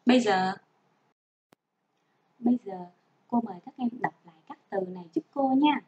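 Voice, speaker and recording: A woman teaches a first-grade reading lesson online from home, reading slowly and drawing out each sound carefully for young children. Her voice is fairly high in pitch but dark in tone, and the recording has a dull, lo-fi quality.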